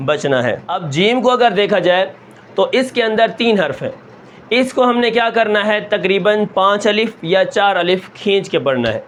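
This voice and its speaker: A man teaching Quran recitation step by step, asking questions and answering them himself, and stretching sounds slowly to show them. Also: sits high, animated, a bit bright, slight background noise. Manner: asks the class a question, then answers it himself; draws out sounds long and slow to show them.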